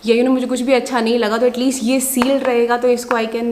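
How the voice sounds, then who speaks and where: A woman chatting casually through a beauty product haul, mixing in English phrases and pausing often with filler sounds. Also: a little high, level tone, a little mellow, a little hiss or hum. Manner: mixes Hindi and English, many filler sounds. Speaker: beauty vlogger.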